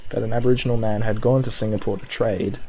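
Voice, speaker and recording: A rambling young Australian man chats loosely over a game stream, cursing as he goes. His voice sits fairly low. A steady hiss of noise runs under the recording. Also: fast. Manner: rambling, swears freely. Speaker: live streamer. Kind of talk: casual gaming stream commentary. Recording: noisy background hiss.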